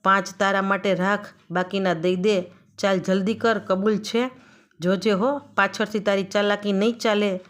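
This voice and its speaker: Woman doing a hoarse greedy swindler. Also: mid-range voice, fairly even intonation, moderate pace, fairly bright tone, natural voice. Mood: threatening. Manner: gruff and bullying. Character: hoarse greedy male railway swindler, threatening.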